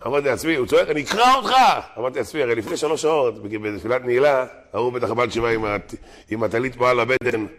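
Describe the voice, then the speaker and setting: A man, a rabbi preaching to his congregation. He talks fast and animated, bursting into loud quoted lines and chanting old Aramaic texts in a sing-song. His voice sits at an ordinary middle pitch for a man. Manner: animated, shouting quotations, Talmudic chanting. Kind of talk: sermon.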